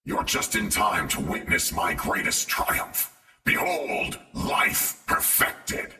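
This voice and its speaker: A man playing a calculated mad scientist, his voice run through a voice changer app's doctor preset, slow and theatrically gloating. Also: on the low side, huge pitch swings, bright, forceful tone, voice pushed down, heavily acted. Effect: voice changer app, doctor preset. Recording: distant, echoey.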